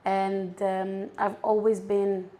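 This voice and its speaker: A woman's voice: mid-range voice, level tone, slow, mellow. A young woman from Cyprus, a real estate surveyor, co-hosting a casual podcast, talking in a chatty way and laughing often.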